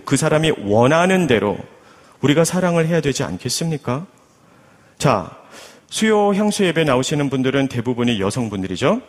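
A man preaching a sermon as pastor, questioning his congregation in an animated way. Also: fairly high pitch. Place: church sanctuary. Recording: long hall reverb.

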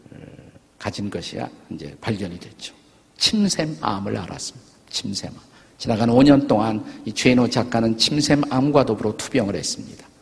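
Gravelly older pastor preaching in an echoing hall. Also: male voice, medium pitch. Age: 60s. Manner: earnest storytelling preacher. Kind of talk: sermon. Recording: long reverb of a large church hall.

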